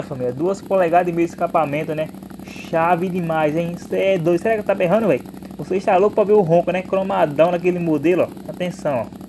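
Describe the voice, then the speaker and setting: A young man with a Brazilian accent talks fast and excitedly in a high voice, stacking slang and tag words as he hosts his own motorcycle vlog. A faint hiss and vehicle noise sit behind him. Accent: Brazilian Portuguese. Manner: hyped, slangy, repeats tag words like "né" and "hein". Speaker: motovlog host.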